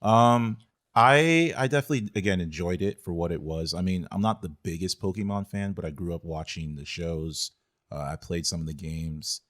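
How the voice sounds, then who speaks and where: Speaking at a normal speed in a deep, fairly bright voice, this man co-hosts a podcast and talks about films in a relaxed, conversational way.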